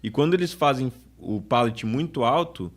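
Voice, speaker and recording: A man's voice: mid-range voice, lively intonation, moderate pace. A man, a sales manager talking casually in a podcast interview, often restarting his sentences. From Brazil. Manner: chatty, restarts sentences often, acts out customer quotes.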